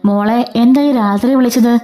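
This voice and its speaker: A woman voicing a worried older male family friend who explains things calmly. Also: fairly high pitch, normal speed, lightly acted.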